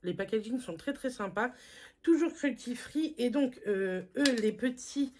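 A woman's voice: a little high, a little slow, a little mellow, a little hiss or hum. A woman beauty vlogger talking casually through a makeup haul at home, chatty and self-mocking, with lots of fillers.

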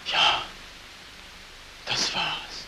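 An actor playing a haunted soldier back from war, tormented, swinging between strained cries and hushed whispers, in 1940s film acting. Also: male voice, very slow. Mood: despairing. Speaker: war returnee Beckmann. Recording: hissy old 1949 film soundtrack.

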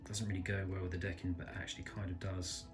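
A man calmly reviewing a small pocket knife, thinking aloud and correcting himself as he goes. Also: low-pitched, fast, over music. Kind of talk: casual product review narration. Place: indoors at a table, filming hands close up.

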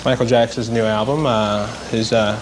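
A man's voice: fairly low pitch, steady tone, normal speed, background noise. A man interviewing a guest, asking casual, hesitant questions.

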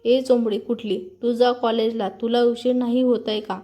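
A playful young brother teases his family, as a woman narrator reads his lines. The voice stays mellow and level, in a plain storybook reading. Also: fairly high pitch, little pitch movement, moderate pace, natural voice. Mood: teasing. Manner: playful teasing. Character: teasing young elder brother.

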